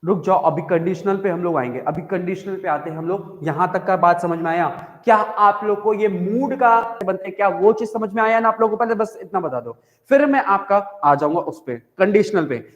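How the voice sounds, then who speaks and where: A high-pitched man with an Indian accent teaches English grammar to an online class, repeating each point and checking whether students follow. His voice rings in an echoey room with a long reverb. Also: a little fast. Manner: explains by repeating and asking the class questions. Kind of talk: live online class in Hindi-English mix.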